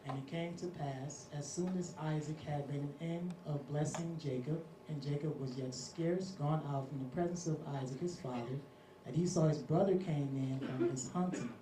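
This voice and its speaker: A man reading old-style scripture aloud, steady and careful. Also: a little high, moderate pace. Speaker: scripture reader. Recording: roomy, distant, faint hiss.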